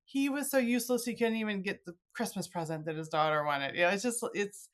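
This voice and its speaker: A middle-aged woman hosts a podcast, interviewing an author in a casual conversational format. Her voice is medium-pitched and fast, and she chats easily, slipping into little quoted asides.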